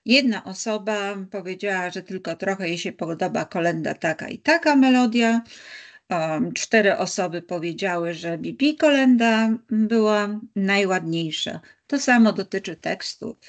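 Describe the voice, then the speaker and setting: A woman leading a teaching-methods webinar, talking unscripted and measured, with frequent pauses and thoughtful hums. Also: mid-range voice. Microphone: video call.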